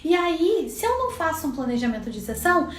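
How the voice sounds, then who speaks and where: Woman, Brazilian accent, high voice, chatty lesson, roomy echo. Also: big pitch swings, brisk, slight background noise. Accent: Brazilian Portuguese. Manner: chatty, frequent "né" tags. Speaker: neuropsychopedagogy teacher. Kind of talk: casual online lesson.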